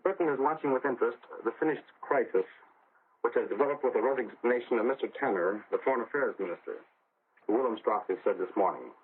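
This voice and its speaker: Through the crackle of a phone-like 1940 shortwave radio relay, a US correspondent reads his scripted news bulletin. Medium in pitch, he stays measured and deliberate, going over the figures twice so listeners catch them.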